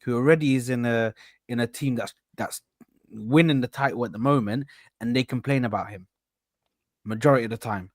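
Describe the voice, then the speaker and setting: Brief: laid-back British podcast co-host, slangy. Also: male voice, mid-range voice, a little fast, dry recording, studio quality. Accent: British English. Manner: casual, says "bro" a lot, rhetorical questions. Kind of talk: casual football chat.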